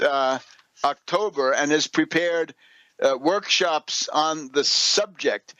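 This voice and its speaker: An American man comments on politics on his radio show, partly reading articles aloud and adding his own remarks with emphatic, opinionated sarcasm. His voice runs on the high side with a fairly bright tone. The recording is rough and has no room sound.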